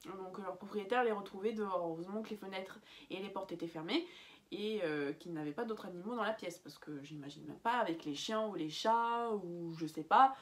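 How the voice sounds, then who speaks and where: A woman's voice: mid-range voice, moderate pace. A young woman giving casual, chatty advice in a vlog, full of fillers and restarts and laughing at her own slips. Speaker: bird-keeping vlogger.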